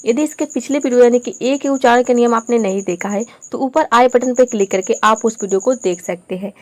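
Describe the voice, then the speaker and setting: A woman's voice: a little high, fairly quick, a little mellow, no echo. A woman from India teaching an online lesson, explaining patiently step by step and mixing English words into her Hindi.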